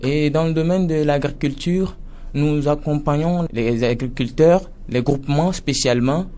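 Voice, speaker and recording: A man, president of an association, answering questions in a measured radio interview with fillers. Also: on the high side, warm tone.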